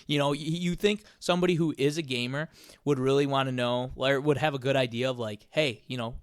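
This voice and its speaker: A man's voice: mid-range voice, a little fast, clean tone, no room sound. Opinionated man, dry close mic. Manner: animated, opinionated, many fillers. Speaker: podcast co-host. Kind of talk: casual chat.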